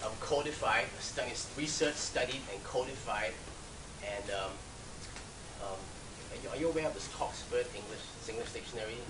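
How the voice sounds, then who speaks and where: A man with a Singaporean accent giving an academic lecture in a halting way, restarting phrases and often checking in with the audience. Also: medium pitch, background noise. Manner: halting, with repeated starts and frequent check-in "right?".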